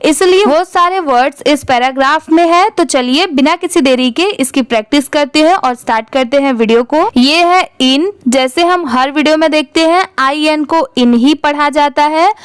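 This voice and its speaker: A woman's voice: high-pitched, dry recording. A woman with an Indian accent, an English teacher giving a reading lesson, spelling words out letter by letter and asking the viewer questions.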